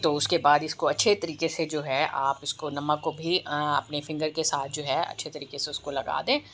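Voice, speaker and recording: A cooking channel host with a sore throat speaks in a low, flat voice at a moderate pace, a bit bright in tone. She walks through a home recipe step by step, chatting and checking in often with "ठीक है." A little hiss or hum is present.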